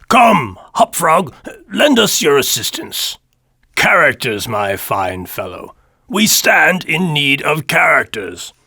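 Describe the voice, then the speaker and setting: Bellowing male tyrant king, mocking laughter, bright forceful tone, a man puts him on. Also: fairly high pitch, very animated, slow, husky, dry recording, studio quality, heavily acted. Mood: roaring, mocking.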